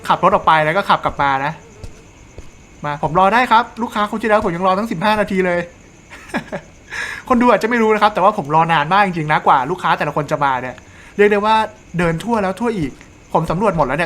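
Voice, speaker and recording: A man's voice: high voice, brisk, fairly bright tone. Chatty joking male gamer. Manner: chatty and joking, reads game dialogue aloud. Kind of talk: casual let's play commentary.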